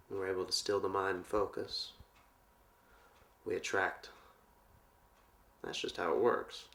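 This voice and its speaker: A man from Portland, Oregon who teaches yoga, answering interview questions in a calm, earnest, spiritual way. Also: low voice. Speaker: yoga teacher and massage therapist.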